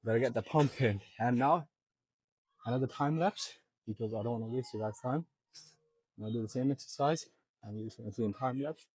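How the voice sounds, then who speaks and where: A man's voice: mid-range voice, brisk, pauses often, darkish tone, breathy edge, no room sound, low-quality recording. A young man in a gym, out of breath, coaching viewers step by step through a back workout. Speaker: fitness vlogger. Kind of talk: casual gym walkthrough.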